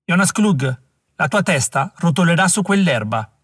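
A man's voice: on the high side, lively intonation, moderate pace, a bit bright, breathy edge, dry recording, clean studio sound, pitched above the performer's own voice. A man voicing a fierce, vengeful widow with second sight, speaking grave prophetic curses in an audiobook. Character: fierce vengeful Mohawk widow, seer, woman.

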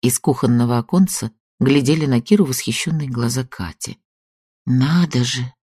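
A man narrating a literary audiobook in a calm, evenly paced reading voice. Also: mid-range voice, brisk, slightly rough, dry recording, clean studio sound.

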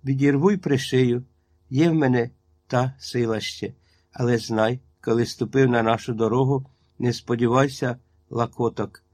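A man's voice: mid-range voice, fairly even intonation, moderate pace, darkish tone, no room sound, close to an everyday voice. A man reading a story aloud and voicing a stern old village witch woman with a harsh, iron-hard manner.

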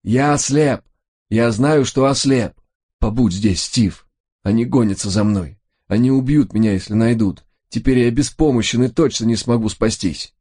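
A man's voice: low-pitched, normal speed, a little mellow, slightly rough. A man voicing a terrified, wounded male crook who wails and pleads frantically. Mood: panicked pleading.

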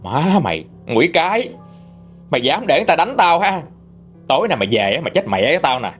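A man's voice: mid-range voice, big pitch swings, moderate pace, soft background music. A man voicing a cruel, drunken, abusive father who snarls curses and threats in a spoken story. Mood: furious. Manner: snarling, cursing, menacing.

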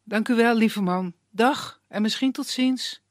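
A man's voice: very high voice, unhurried, no room sound, studio quality, pitched above the performer's own voice. A storyteller voicing a lovesick young woman who pleads anxiously for directions in a puppet tale. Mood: pleading.

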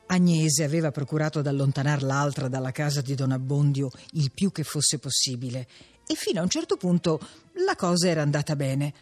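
A woman narrating a classic novel in a measured, expressive storytelling voice. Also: low voice, faint music behind. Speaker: audiobook narrator.

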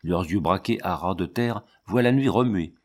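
A man reading a novel aloud in measured, steady audiobook narration. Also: low voice. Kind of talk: scripted literary narration.

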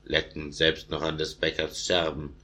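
A boastful drunken nobleman, voiced by a man reading aloud. The voice sits very deep and barely moves in pitch. He sounds brash and full of himself. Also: level tone, normal speed, sharp tone, breathy edge, heavily acted. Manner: bragging, brash.

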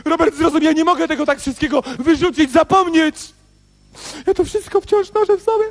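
A clingy jealous cigarette lover. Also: male voice, very high-pitched, a little fast. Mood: pleading. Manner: theatrical, melodramatic, pleading. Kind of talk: radio comedy sketch.

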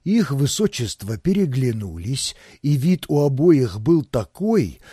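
A man narrating a first-person novel in an expressive, theatrical way. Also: medium pitch, slightly rough, no room sound, clean studio sound. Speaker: audiobook narrator.

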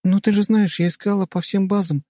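A man voicing the protagonist's young wife, brisk and matter-of-fact. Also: high voice, fairly even intonation, dark tone, no room sound, studio quality, pitched above the performer's own voice, close to an everyday voice. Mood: businesslike. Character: capable young wife, businesslike and attentive. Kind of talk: audiobook character voice.

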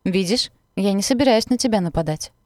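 A woman reading the part of an agitated young man who is frightened of a big dog, voicing him loudly in a story. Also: medium pitch, lively intonation, fairly quick, no echo, clean studio sound, close to an everyday voice. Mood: gentle. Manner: loud, shouting.

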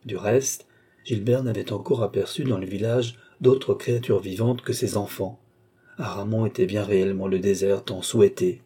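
Low, husky man narrating a novel. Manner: measured, steady reading. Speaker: audiobook narrator. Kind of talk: scripted narration.

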